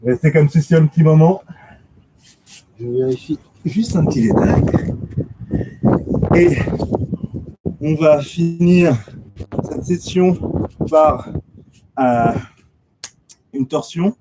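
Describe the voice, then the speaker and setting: A man teaching a pilates class, giving steady step-by-step commands, counting reps and repeating cues slowly. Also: on the high side. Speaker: pilates instructor. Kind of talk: guided exercise class instruction. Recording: loud background noise.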